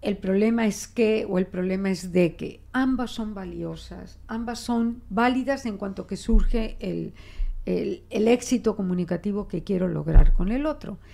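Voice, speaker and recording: An older woman from Spain, a guest linguist in a conversational interview, speaks Spanish with a Spain accent adapted toward Mexican Spanish. Her gravelly voice is slightly raised in pitch and unhurried, expressive and reflective, with frequent restarts and gestures. She records indoors at a desk microphone in a small studio office.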